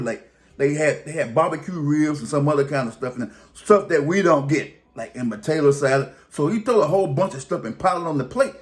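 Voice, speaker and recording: A man telling a long story in a casual, rambling, colloquial way, often restarting his sentences. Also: a little high. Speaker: vlogger.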